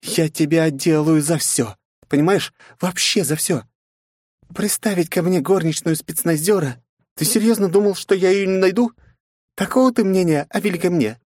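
In an audiobook character voice, a man pushes his pitch up high to portray a haughty, possessive young princess who snaps, scolds and threatens in a furious, menacing way. He keeps a moderate pace and darkish tone, and the studio sound is clean with no room sound.

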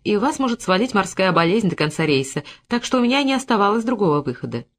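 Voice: mid-range voice, very animated, fast, fairly bright tone. An audiobook reader voicing a frank, unembarrassed young woman who openly admires a man. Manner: direct, unembarrassed. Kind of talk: audiobook character reading.

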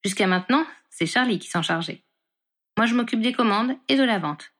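A woman's voice: on the high side, expressive, a little fast, fairly bright tone. Give me a woman playing a defensive young man from a storybook reading. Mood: matter-of-fact. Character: touchy young man, shopkeeper brother.

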